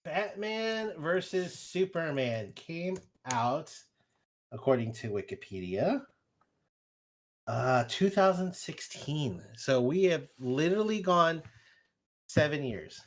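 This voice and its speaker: A man's voice: a little high, very animated, slow pace. A man co-hosting a casual film podcast, joking around and laughing easily. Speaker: podcast co-host. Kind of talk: casual chat.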